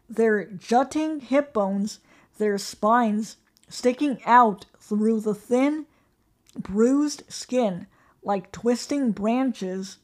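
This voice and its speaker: A woman narrating a horror story in a measured, ominous, scripted way. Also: fairly high pitch.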